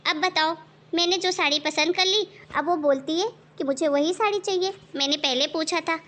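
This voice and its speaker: A woman's voice: extremely high pitch, normal speed, fairly bright tone. A woman voicing a proud, suspicious elder daughter-in-law who looks down on her younger rival. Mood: scheming. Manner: haughty, suspicious, gossiping.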